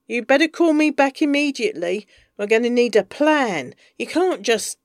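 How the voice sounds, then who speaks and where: A woman's voice: medium pitch, animated, measured pace, creaky, dry recording, studio quality. A woman doing a hectoring, bossy publicist. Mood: urgent. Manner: sharp, hectoring, loud. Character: exasperated, bossy publicist scolding a client.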